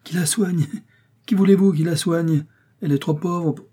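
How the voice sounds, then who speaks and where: A man voicing an excitable, warm-hearted Parisian working man who talks eagerly and apologizes a lot, in an audiobook. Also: mid-range voice, moderate pace, slightly rough, close to an everyday voice. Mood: astonished. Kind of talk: audiobook character voice.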